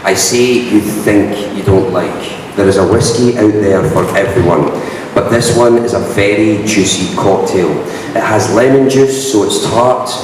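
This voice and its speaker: A man's voice: lowish voice, unhurried. A man with a broad Scottish accent giving an informal, self-deprecating promotional speech as the host of a live event. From Scotland. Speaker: whisky brand ambassador, event host. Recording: echoey hall, distant mic, noisy room.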